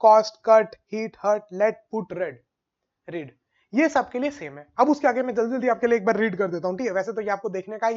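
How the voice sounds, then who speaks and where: Male teacher, fairly high voice, rhythmic drilling, frequent check-ins, muffled lo-fi recording. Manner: drills word forms in a steady rhythm, often checks understanding. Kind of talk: online exam-prep lesson.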